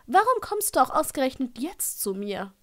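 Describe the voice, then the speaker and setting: A woman voicing a tart, caring older female witch professor, with a sharp, dry wit, in an audiobook. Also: high voice, sing-song, normal speed, pitched above the performer's own voice.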